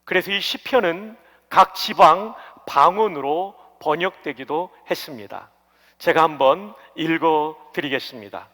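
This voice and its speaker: A man's voice: a little high, animated, measured pace, sharp tone. A man from Daejeon preaching a revival sermon as pastor, explaining the text and asking the congregation to repeat after him. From Daejeon, South Korea. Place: church sanctuary. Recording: long church hall reverb.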